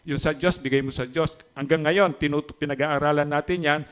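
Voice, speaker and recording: A man's voice: fairly high pitch, fairly even intonation, brisk, fairly bright tone, smooth. A man from the Philippines preaching a sermon as pastor, talking in a chatty way and often asking the congregation questions. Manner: conversational, teasing asides to the congregation; switches between Tagalog and English. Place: church.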